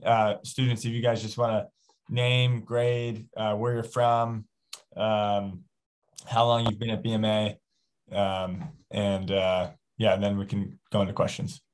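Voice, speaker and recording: Brief: man, lowish voice, upbeat moderator of a video-call event. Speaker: moderator of online open house. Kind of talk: hosting a virtual event.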